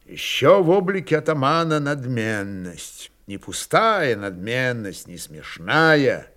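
Slow, expressive male audiobook narrator. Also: medium pitch. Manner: measured, expressive. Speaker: audiobook reader.

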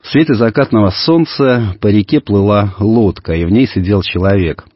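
A man narrating a children's story in an expressive, storyteller manner. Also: fairly low pitch, normal speed, no room sound. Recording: dull radio recording, faint music.

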